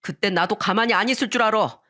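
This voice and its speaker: A woman's voice: medium pitch, fast, sharp tone, natural voice. A woman voicing a lazy, surly middle-aged husband who talks in a curt, dismissive grumble. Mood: defiant.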